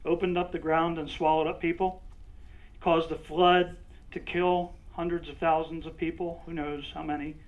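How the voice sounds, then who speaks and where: High-voiced conversational preacher. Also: male voice, level tone, moderate pace. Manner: conversational, engaging the listeners by name, with frequent "right?" checks. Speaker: pastor. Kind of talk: sermon with acted-out role-play. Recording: dull lo-fi recording.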